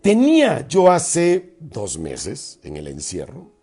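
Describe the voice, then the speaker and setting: A middle-aged man gives an expressive motivational talk, acting out little dialogues. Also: slow pace, slightly rough, soft background music. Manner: expressive, acts out little dialogues with sudden pitch swings. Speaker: speaker on emotional self-control.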